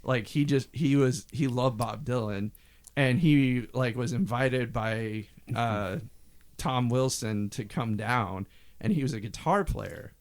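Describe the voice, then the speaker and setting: A man with a medium-pitched voice speaks slowly as co-host of a casual podcast about a classic album. He wanders through stories, impersonating the people he mentions and mimicking their singing and quotes.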